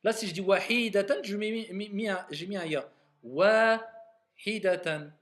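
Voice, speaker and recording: A man leads a reading lesson in a classroom, his voice sitting a little high for a man. He is patient, and he draws out each word slowly and clearly so his students can hear their mistakes. When explaining a rule, he speeds up. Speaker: Arabic reading teacher.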